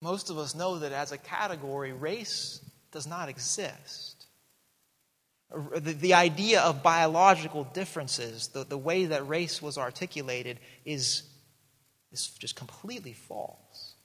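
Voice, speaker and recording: A pastor in his thirties who grew up in South America preaches a sermon earnestly in a large hall, often restarting sentences and repeating words as he begins a thought. His voice is fairly high and fairly bright, and his pace is measured.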